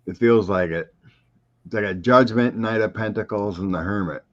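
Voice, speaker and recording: A man co-hosting a casual live chat, talking politics and reading tarot cards in a relaxed, halting way. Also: on the low side. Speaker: psychic co-host reading tarot. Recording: dull lo-fi audio.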